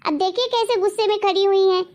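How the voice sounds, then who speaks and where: A woman playing a sharp-tongued young daughter-in-law who talks back defiantly, in a family drama. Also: extremely high pitch, steady tone, fast talker. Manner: bossy, defiant.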